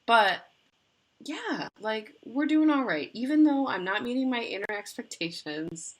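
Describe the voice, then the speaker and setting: A woman's voice: a little high, lively intonation, a little slow. A woman co-hosting a podcast over a video call, chatty and rambling with lots of filler words. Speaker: podcast co-host. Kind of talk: casual chat.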